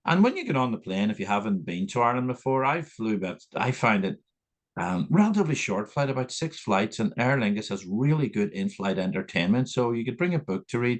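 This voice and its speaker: A man with a fairly low voice talks through a trip in a loose, conversational way. He often repeats words and trails off as he searches for what to say next. His speech comes across as easygoing and unscripted. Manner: rambling, repeats words while searching for them. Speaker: trip co-leader. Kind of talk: casual explanatory talk.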